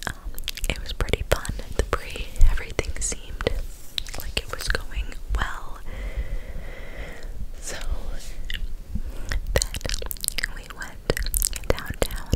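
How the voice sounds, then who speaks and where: A woman in her twenties telling a casual story in a breathy, unvoiced ASMR whisper, slow and deliberate with softly repeated words, very close to the microphone. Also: poor audio. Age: 20s. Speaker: ASMR creator. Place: small bedroom, indoors. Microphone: close-up handheld condenser microphone, cupped with a hand.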